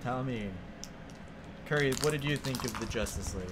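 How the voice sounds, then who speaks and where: A man co-hosting a casual podcast, excitable and swearing often as he talks. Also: background noise. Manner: excitable, swears often, quick shifts in pitch. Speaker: podcast co-host.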